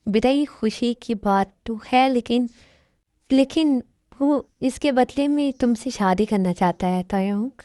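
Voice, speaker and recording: A woman's voice: fairly high pitch, unhurried, dark tone, no echo, close to an everyday voice. A woman voicing a worried middle-aged father and company owner in an amateur dub, talking in an anxious, pleading way.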